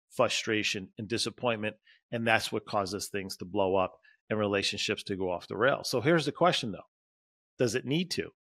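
A podcast host who works as a relationship coach gives a motivational solo talk in a conversational tone. His voice is mid-range and fairly bright. Speaking directly to "you" and "guys," he performs small quoted moments along the way.

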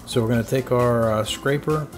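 A man's voice: mid-range voice, moderate pace, music in the background. A man hosting his cooking channel, casually talking viewers through each step as he cooks at an outdoor griddle. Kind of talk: casual cooking demo narration.

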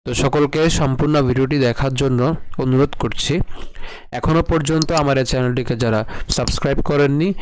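A man teaching Sanskrit verse pronunciation, patiently breaking words down letter by letter and chanting lines slowly. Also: medium pitch, steady tone, a little hiss or hum, low-quality recording. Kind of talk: spoken pronunciation lesson with slow chanted verse.

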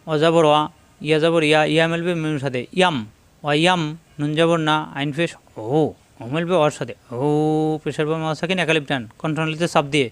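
A man with a high, very smooth and clear voice teaches Quran tajweed. He spells out letters and marks at a brisk clip, then recites verses slowly and melodically. The sound is dry and close. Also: fairly even intonation, no room sound.

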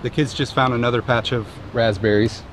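A man's voice: mid-range voice, brisk. A man in his thirties narrating a family hiking vlog outdoors on a forest trail, filming himself with a handheld camera. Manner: relaxed, chatty, observational. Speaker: family vlogger. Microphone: handheld camera at arm's length. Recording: outdoor noise behind.

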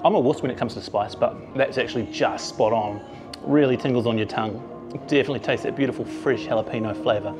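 Music plays behind a forty-something food vlogger with a New Zealand accent as he tastes dishes and explores rooftop bars, open-air and covered, on a handheld camera for a casual food and travel vlog. Chatty and excited, he exclaims over the food in a fast, mid-range voice.

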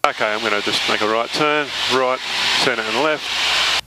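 A man's voice: medium pitch, unhurried. A male pilot on a cockpit headset, narrating a training flight in a small plane and talking himself through his checks and traffic calls. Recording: loud engine noise behind.

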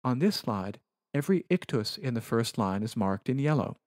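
A man with a mid-pitched, darkish voice lectures on Latin verse, very animated yet measured and precise, explaining things as if stepping through slides. The recording is close and dry, without any room sound.

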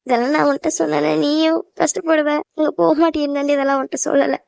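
A woman's voice: high voice, little pitch movement, quick pace, creaky, a little mellow, no echo. A woman voicing a worried, loving cartoon mother who fusses and pleads with her newly married daughter. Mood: tearful. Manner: fussing, emotional, pleading. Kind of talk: cartoon voice acting.

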